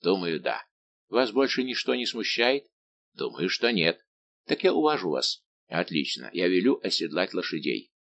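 A man voicing a big, good-natured, simple-minded old musketeer baron, talking slow and booming. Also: big pitch swings, gravelly, a bit bright, muffled recording, heavily acted. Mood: hearty.

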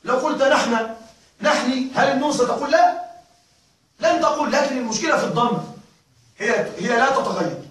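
A man's voice: extremely high pitch, expressive, a little fast, long pauses, a bit bright. A male grammar teacher giving a classroom lesson, often stopping to ask whether the students follow. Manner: keeps checking students follow, with repeated questions. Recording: echoey room, voice from far off.

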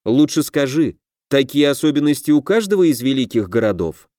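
A man voicing a snappy, quick-tempered young woman adventurer in an audiobook. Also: medium pitch, no room sound, studio quality, lightly acted. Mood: feisty. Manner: snappy, lively.

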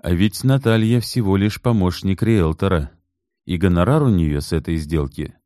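A man narrating an audiobook in a measured, even storytelling manner, close to the mic. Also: sits low, dry recording. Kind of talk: scripted narration.

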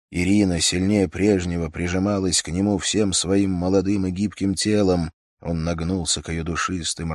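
A man narrating a classic novel as an audiobook, in a measured, expressive way. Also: low-pitched, dry recording, clean studio sound. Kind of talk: scripted literary narration.

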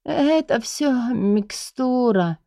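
A woman's voice: on the high side, animated, extremely slow, dark tone, dry recording, studio quality, voice pushed up. A woman voicing a young lady who feigns a weak, whimpering voice. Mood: feeble.

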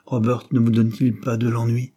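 A man voicing a bold, impetuous young woman in an audiobook, talking in eager, quick questions. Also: medium pitch, monotone, dark tone, close to an everyday voice. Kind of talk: audiobook character reading.

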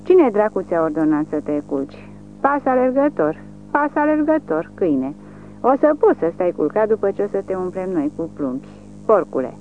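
A woman's voice: fairly low pitch, very animated, soft background music. A woman voicing a brutal male army sergeant who roars insults and orders. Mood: roaring. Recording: tinny lo-fi with faint hum.

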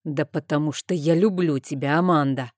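Brazen male dragon lover for an audiobook, low and slow, read by a woman, mellow tone, dry close sound. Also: no room sound. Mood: angry.

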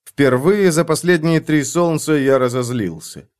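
A man reading a first-person story aloud in measured, dramatic storytelling narration. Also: fairly high pitch, a little mellow, clean tone. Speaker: audiobook narrator.

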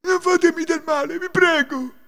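A man's voice: very high-pitched, steady tone, moderate pace, a bit bright, pitched above the performer's own voice. An Italian man voicing a frightened young peasant man in a folk tale audio story. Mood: pleading.

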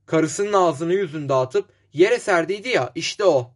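Breathless village grocer, high and urgent, as a man puts him on. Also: animated, unhurried.

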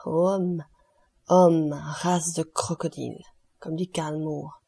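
A woman's voice: fairly low pitch, normal speed, mellow, slightly rough. A woman reading the part of a cold, ironic aristocratic count in an audiobook. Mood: declaiming. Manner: cool, ironic, declaiming.

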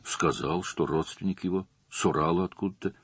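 A man's voice: low voice, fairly quick, a bit bright, breathy edge, no room sound, exaggerated voice. A man reading an audiobook, voicing a nervous, talkative young male witness who is eager to please. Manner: chatty and defensive.

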